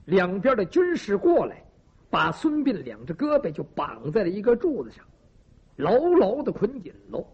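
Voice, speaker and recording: A man's voice: high-pitched, huge pitch swings, normal speed, husky. A man telling a traditional story dramatically, with sound effects and asides to listeners, in a lo-fi recording. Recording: lo-fi dull recording.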